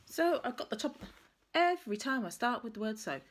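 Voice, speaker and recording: A fairly high, sing-song female voice, moving a little fast, belongs to a vlogger chatting about her crafts. Talking to camera about stitching, she rambles and corrects herself mid-thought.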